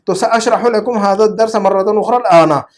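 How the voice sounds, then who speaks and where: A man's voice: sits high, normal speed. A man teaching an Arabic grammar class, asking questions and repeating words for students to echo.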